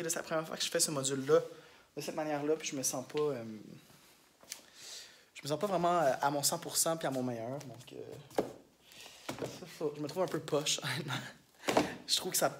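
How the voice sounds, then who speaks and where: A chatty man with a Québécois French accent vlogs about his day teaching elementary school, candid and rambling, with lots of fillers. His voice is a little high, and there's slight background noise.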